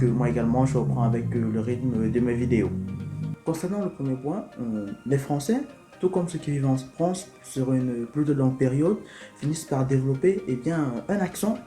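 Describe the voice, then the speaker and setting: A man from Africa talking to camera in a vlog, explaining things in an unhurried, hesitant way. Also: medium pitch. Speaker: vlogger. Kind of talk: casual explanatory vlog talk. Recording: echoey room with faint music.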